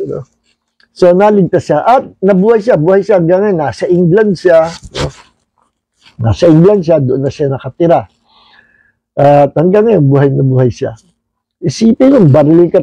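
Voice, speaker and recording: Filipino man, pastor leading a Bible study, high mellow voice, dry close sound, storytelling manner. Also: no room sound, lo-fi sound. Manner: storytelling, mixes Tagalog and English, frequent "no?" tag. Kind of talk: online Bible study teaching.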